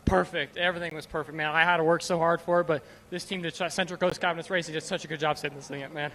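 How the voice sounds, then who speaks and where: A man's voice: on the high side, little pitch movement, racing, pushed and bright. A young man giving an emotional, breathless post-race interview at a racetrack as the winner, gushing and stumbling over his words. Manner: gushing, repeats himself. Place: trackside at a racetrack, outdoors.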